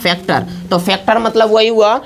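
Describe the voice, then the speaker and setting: A woman's voice: mid-range voice, steady tone, normal speed. Woman math teacher, classroom lesson, keeps asking the class questions. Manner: asks the class constant check questions. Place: classroom with students.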